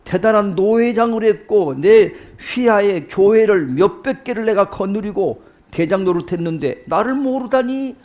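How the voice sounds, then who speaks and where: A man voicing a boastful dead male church leader who loudly demands to be honored. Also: high-pitched, animated, moderate pace, hardly any pauses, highs cut off. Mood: indignant boasting. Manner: indignant, loud boasting.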